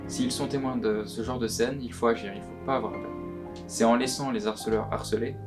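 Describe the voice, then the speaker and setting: A young man's voice, disguised by being pitch shifted deeper, gives anonymous testimony. He speaks in an earnest, halting way at a middling pitch. Clear guitar music plays under him. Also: steady tone. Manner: earnest, halting, often repeats words. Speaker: anonymous witness giving testimony. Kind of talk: recorded testimony, answering questions. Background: plucked guitar music.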